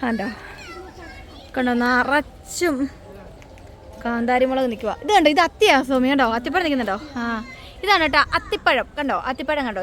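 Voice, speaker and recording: A woman's voice: high-pitched, fairly bright tone. A woman on a casual vlog walking through a farm at dusk, chatty, who keeps pointing things out to her viewers. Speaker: family vlogger.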